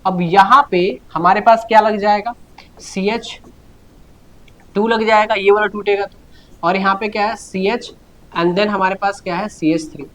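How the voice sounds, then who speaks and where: A man's voice: high-pitched, fairly even intonation, a little slow, fairly bright tone. Male chemistry teacher, repetitive questioning style. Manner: repetitive, answers his own questions, keeps urging students to note down. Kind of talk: classroom lecture.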